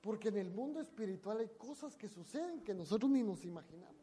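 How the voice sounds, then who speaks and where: Telling a story during a sermon, a preacher speaks fast and expressively in a mid-range voice. He swings dramatically between loud emphasis and hushed asides.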